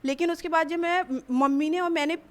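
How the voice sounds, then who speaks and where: High-voiced young woman recounting haltingly. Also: fairly even intonation. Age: young adult. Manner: halting, with frequent restarts. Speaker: college student giving testimony. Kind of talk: personal account in a news interview.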